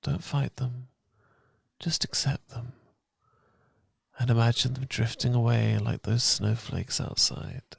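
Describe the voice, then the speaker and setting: An ASMR performer, a British man, plays a loving boyfriend soothing his partner through a slow, romantic guided relaxation. He speaks close to a dry microphone in a soft, husky voice, often whispering, gentle, tender and unhurried. His pitch is medium, his tone steady, and there's no echo.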